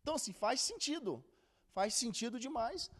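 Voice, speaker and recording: A man's voice: extremely high pitch, moderate pace. A man giving a casual, chatty Bible lesson, acting out quotes. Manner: chatty and animated, acts out quotes with laughter. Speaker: Bible teacher.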